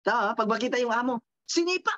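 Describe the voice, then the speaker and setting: A woman giving a lively motivational seminar talk, repeating phrases and checking in with her listeners through quick rhetorical questions. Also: a little high, no echo, muffled recording. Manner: repeats and counts out phrases for emphasis. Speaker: motivational speaker.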